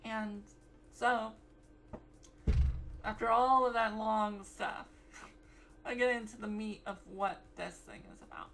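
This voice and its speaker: A woman's voice: medium pitch, steady tone, slow pace, long pauses, a bit bright, soft background music, low-quality recording. A young woman vlogging in a casual, rambling way, full of fillers and restarts. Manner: rambling, many fillers and self-corrections.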